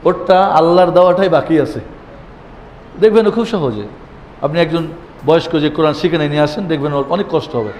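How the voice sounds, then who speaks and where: A man's voice: on the high side, brisk, darkish tone. A man teaching a classroom lesson on Arabic letters, chanting the letter names and asking rhetorical questions in a room with a board. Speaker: Quran teacher. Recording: echoey hall with faint background noise.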